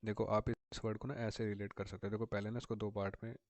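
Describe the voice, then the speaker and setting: Low, flat-voiced male vocabulary teacher. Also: fast, no echo. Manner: patient, repetitive, often checks in with "theek hai na". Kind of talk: explaining word tricks to students.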